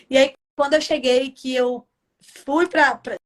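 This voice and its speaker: A woman's voice: high-pitched, fairly even intonation, takes it slowly. A woman with a Brazilian Portuguese accent, a gospel singer giving an emotional testimony in a casual radio interview over a video call, acting out her own past words.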